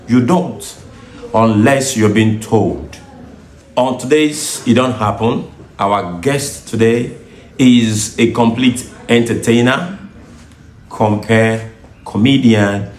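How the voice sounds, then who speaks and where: A man with a Nigerian accent hosting a podcast, giving a slow, formal scripted introduction. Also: medium pitch, slight background noise. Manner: slow, formal announcer delivery. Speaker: podcast host. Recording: roomy echo.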